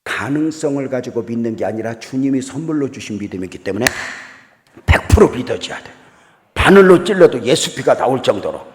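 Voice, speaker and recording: A middle-aged guest pastor delivers a revival sermon in a church sanctuary, alternating between loud exclamations and quiet storytelling while posing questions to the congregation. His mid-range voice is animated and fairly quick, and the recording carries church hall reverb plus a little hiss or hum.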